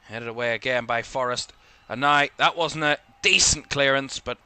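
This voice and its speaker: A young man with a Northern Irish accent giving live play-by-play commentary on a football match, calling the action quickly and lifting his voice at attacking moments. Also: mid-range voice, pushed and bright, clear, resonant tone, dry recording.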